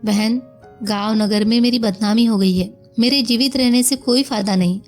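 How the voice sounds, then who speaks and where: A woman reading a dying wife, soft and weary. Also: on the high side, fairly even intonation, moderate pace, faint music behind, natural voice. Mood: weary, resigned. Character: dying young wife, gentle, forgiving.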